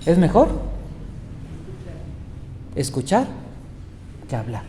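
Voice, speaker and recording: A man preaching a sermon as pastor, animated and asking the congregation questions. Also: fairly high pitch, drawn-out words. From Mexico. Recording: reverberant hall with faint noise.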